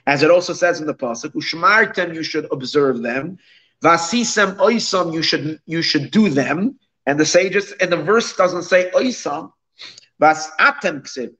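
Male religious teacher, slightly high voice, explaining a text phrase by phrase with emphatic repeats and rhetorical questions. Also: lively intonation, unhurried, bright, forceful tone, poor audio. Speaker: religious teacher giving a Torah class. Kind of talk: explanatory text study lecture, reading phrases and translating them.

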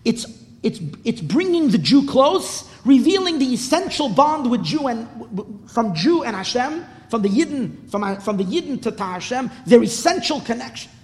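A man's voice: very high-pitched, big pitch swings, moderate pace, a little mellow. A man giving an unscripted lecture as a rabbi, emphatic, repeating phrases and answering his own questions. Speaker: rabbi teaching a Torah class. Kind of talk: religious lecture, teaching unscripted. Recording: reverberant hall.

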